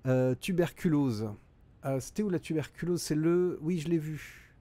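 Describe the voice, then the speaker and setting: A man's voice: a little high, normal speed, warm tone. A middle-aged man streaming a game live, reading out chat and thinking aloud with frequent hesitations.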